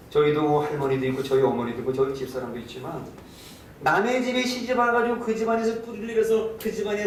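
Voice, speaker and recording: In a church sanctuary, a male pastor tells a story during his sermon, acting out the quoted lines and putting questions to the congregation. The distant mic captures an echoey hall with a faint rumble.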